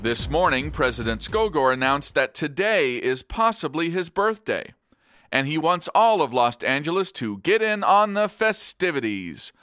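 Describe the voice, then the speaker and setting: An actor playing a straight-faced, polished news anchor on a parody post-apocalyptic radio newscast. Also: male voice, on the high side, big pitch swings, moderate pace, sharp tone, clean tone, no room sound, studio quality, soft background music. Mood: deadpan, brisk.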